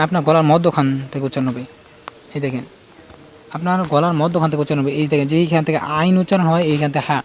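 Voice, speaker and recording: A man's voice: a little high, a little mellow, a little hiss or hum. A man teaching Quran pronunciation in a casual spoken lesson, repeating letter sounds and explaining where each is made in the mouth.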